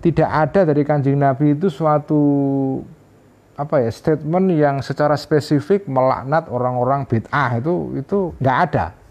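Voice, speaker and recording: A man's voice: on the high side, moderate pace, darkish tone. A man teaching an informal religious lesson, translating Arabic phrases line by line and often adding "ya". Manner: explains Arabic text phrase by phrase with frequent "ya". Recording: dull lo-fi recording.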